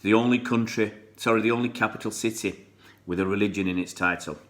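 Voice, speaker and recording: On a live stream for a fan channel, a middle-aged man chats casually, greeting viewers by name and rambling between comments. His voice is fairly low and a bit bright, with fairly even intonation and a quick pace. He was born in Pakistan and raised in England.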